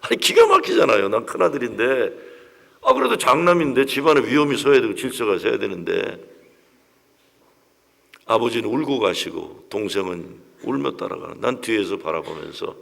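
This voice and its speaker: Speaking at normal speed in a gravelly voice on the low side, a pastor in his sixties expressively tells a personal story during a sermon. He dramatizes the quoted voices with emotion, and his words ring with the long reverb of the church hall.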